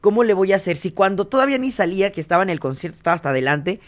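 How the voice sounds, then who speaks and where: A man's voice: sits high, very fast. A young man with a Mexican Spanish accent, telling stories as a podcast guest and acting out other people's lines. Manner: animated, quotes others in lively asides. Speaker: guest, singer and TV reporter. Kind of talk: casual interview storytelling. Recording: dull lo-fi podcast audio.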